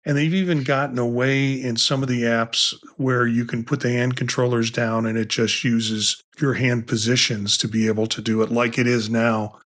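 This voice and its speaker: A man's voice: mid-range voice, little pitch movement, normal speed, hardly any pauses, a bit bright. A man co-hosting a casual tech podcast, talking in a rambling way with many restarts and asides. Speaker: podcast co-host.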